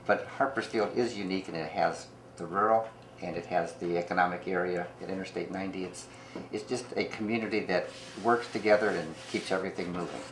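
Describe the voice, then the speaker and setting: An older retired man from Ohio, a township trustee answering briskly in a casual radio interview. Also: low voice, fairly even intonation, fairly bright tone. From Ohio, USA. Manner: brisk, affirming. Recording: echoey room with faint noise.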